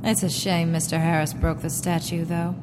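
A woman's voice: fairly low pitch, flat delivery, moderate pace, darkish tone, close to an everyday voice. A woman playing a practical, puzzled sidekick in an old-time radio mystery. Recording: noisy, reverberant hall sound.

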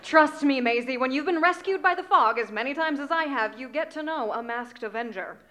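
An actress playing a poised young heroine in a 1940s style radio drama, coy and quick to brush things off. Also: female voice, high-pitched, lively intonation, pushed and bright. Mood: hushed urgent.

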